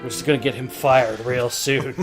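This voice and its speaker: A man's voice: medium pitch, steady tone, normal speed. A young man hosting a let's play, explaining the game in casual, profane commentary with frequent laughs. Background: game music.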